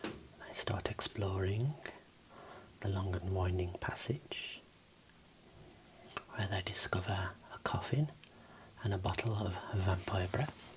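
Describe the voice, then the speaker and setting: A man speaking in a soft, breathy whisper, giving an unhurried ASMR tour of his book collection. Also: low voice, background noise. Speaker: host showing own book collection.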